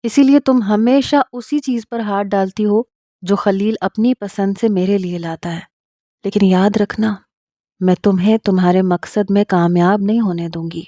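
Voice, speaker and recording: A woman voicing a sharp, defiant young wife in a spoken story, cutting in tone. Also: mid-range voice, fairly even intonation, no echo, studio quality, lightly acted. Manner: indignant, cutting.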